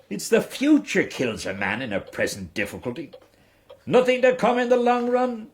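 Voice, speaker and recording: A male actor with a high voice plays a roguish, fawning Irish knight and debt-dodging fixer in a radio period drama. He speaks with an Irish accent, theatrical and ingratiating, full of rhetorical flourishes.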